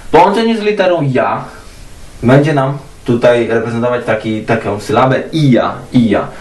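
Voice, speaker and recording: A man teaching a language lesson, spelling words out letter by letter and repeating each word slowly several times. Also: mid-range voice, a little mellow. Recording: echoey room, mic at a distance.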